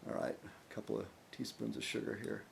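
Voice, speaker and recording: This video blog host has a lowish, gravelly voice with little pitch movement and a brisk delivery, set against slight background noise. His casual monologue rambles, and he breaks off mid-sentence to answer commenters.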